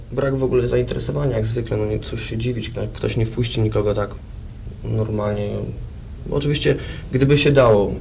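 A man's voice: lowish voice, gravelly, dark tone. A young man, a band musician, talking casually and hesitantly as an interview guest, on noisy 1990s TV tape. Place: TV studio.

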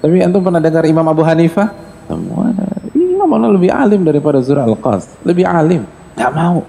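A man giving a lively sermon to a congregation, acting out the dialogue of his story and speaking straight to his listeners. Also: fast, gravelly. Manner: animated, acts out dialogue in a higher voice, addresses audience directly. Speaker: preacher.

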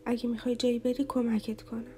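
A woman reading the lines of a heartbroken young wife in a soft, choked, pleading voice. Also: fairly high pitch, little pitch movement, a little hiss or hum, lightly acted. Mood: tearful.

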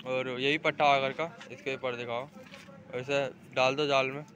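In an unhurried, flat, somewhat bright mid-range voice, a young man shows off pigeons from a rooftop. He chats in casual vlog narration, directs his friends and calls out to viewers, all on a phone camera held in hand. Slight background noise is present.

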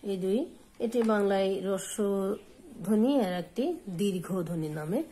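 A woman teacher giving a spoken lesson, saying example words slowly and repeating them for her pupils. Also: mid-range voice, mellow, poor audio. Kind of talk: slow spoken lesson on pronunciation.

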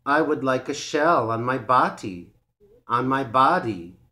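A man voicing a clever young female tortoise in a storybook reading, speaking in a quiet, measured, sly way. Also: medium pitch, animated. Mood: earnest.

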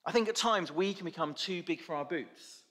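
A man's voice: high voice, moderate pace, fairly bright tone. A male preacher giving a sermon, telling a story with informal asides. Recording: echoey church hall.

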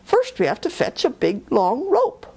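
A woman's voice: high voice, huge pitch swings, measured pace, creaky, darkish tone, breathy edge, voice pushed up, exaggerated voice. A woman voicing a big grumbling male bear in a storybook tale, raising practical objections.

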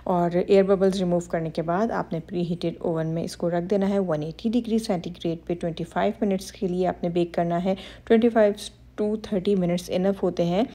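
A cooking channel host with a lowish, mellow, steady voice gives a brisk step-by-step baking lesson in voice-over, hardly pausing at all. She's instructive and reassuring, talking directly to women viewers.

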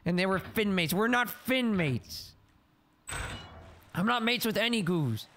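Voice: mid-range voice, lively intonation, a little slow, a bit bright, a little hiss or hum. A let's play gamer commenting on a video game, reading the on-screen text aloud and breaking into panicked shrieks and laughter. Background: game music.

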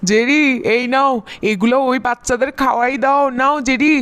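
A woman's voice: sits high, moderate pace, a bit bright, clear, resonant tone. A woman voicing a fussy, fretful male house cat in a cartoon dub. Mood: scheming.

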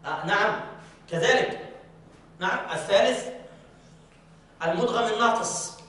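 A man teaching Quran recitation to a class, drawing out his recited examples slowly and often asking students whether they follow. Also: high voice, bright, forceful tone. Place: large mosque hall. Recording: very echoey hall, from far off.

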